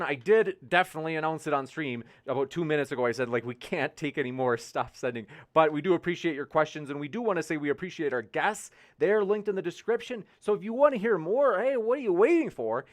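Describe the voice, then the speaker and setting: Guy hosting a debate stream, reads chat questions, kinda high voice, hypes stuff up. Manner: upbeat, chatty, hypes upcoming events. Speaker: debate moderator. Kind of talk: reading live chat questions.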